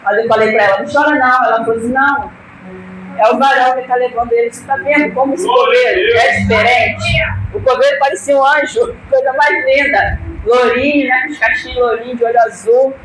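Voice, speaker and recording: A Brazilian woman giving an emotional religious testimony, fervent and swelling to near-shouts. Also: fairly high pitch, fairly even intonation, fast. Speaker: church member giving testimony. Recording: echoey hall, distant mic, background noise.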